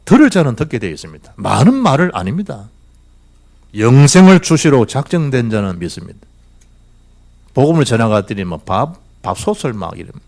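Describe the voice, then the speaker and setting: Animated pastor, wildly lively pitch. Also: male voice, brisk, creaky. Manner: animated preaching with rhetorical questions and swings from loud to hushed. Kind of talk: sermon. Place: church sanctuary.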